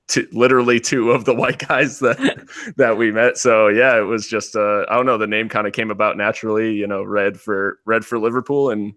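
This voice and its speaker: An American man chatting casually as a podcast guest, relaxed and rambling with many fillers and restarts. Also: fairly low pitch, moderate pace, dry recording, studio quality. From United States.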